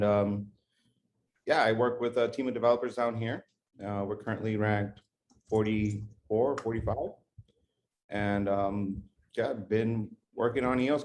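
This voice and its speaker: A man from Costa Rica who works as a tech lead, introducing himself in a friendly, slightly halting way on a video call. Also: lowish voice, darkish tone, slight background noise.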